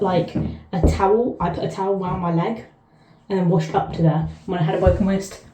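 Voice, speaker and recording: Sitting in her bathtub, a woman vlogger with a southern English accent talks casually to camera, drifting into asides and breaking off mid-thought. Her voice is medium-pitched with a dark tone, and the recording echoes around the bathroom.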